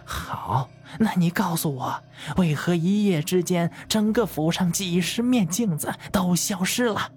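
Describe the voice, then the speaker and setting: A woman's voice: animated, unhurried, faint music behind. A woman voicing a wailing old noblewoman. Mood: accusing. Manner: wailing, high-strung pleading. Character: grieving elderly noblewoman, shrill and tearful. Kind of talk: audio drama acting.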